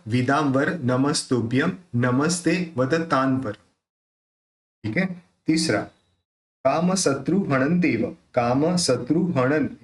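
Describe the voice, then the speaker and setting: A man teaching the pronunciation of a devotional hymn, reciting verses slowly and then explaining the rules in a conversational way. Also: medium pitch, echoey room.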